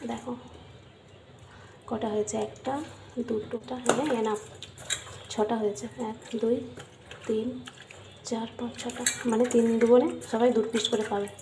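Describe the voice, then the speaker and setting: A woman's voice: fairly high pitch, level tone, unhurried, pauses often, reverberant. A woman chatting through a casual cooking vlog in her home kitchen, often checking in with viewers. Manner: chatty, keeps asking "right?". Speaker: vlogger. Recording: noisy home recording.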